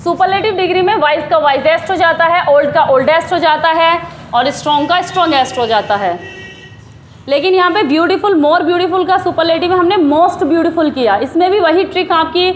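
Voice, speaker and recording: A woman teaching English grammar in a classroom style, explaining patiently and slowing down to read English examples. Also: very high voice, a little hiss or hum.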